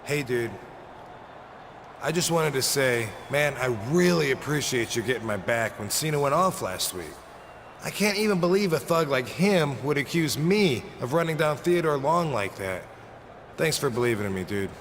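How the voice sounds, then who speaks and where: A man's voice: medium pitch, animated, normal speed, a bit bright, long reverb tail, a little hiss or hum. A man voicing a laid-back, cocky male wrestler who calls people dude. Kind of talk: video game cutscene dialogue.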